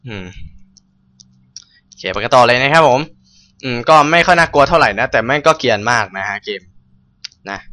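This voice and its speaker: Young guy doing a lets play, bright sharp voice, swears and yells a lot, keyboard clicks behind. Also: mid-range voice. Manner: foul-mouthed, yells and curses at enemies; switches to polite narration to viewers. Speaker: gameplay streamer. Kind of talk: casual let's-play commentary.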